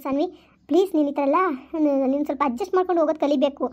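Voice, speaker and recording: A woman's voice: sits high, rapid-fire, lightly acted. A woman voicing a patient mother who soothes and coaxes her crying daughter in a family skit. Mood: coaxing. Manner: soothing, coaxing, lecturing softly.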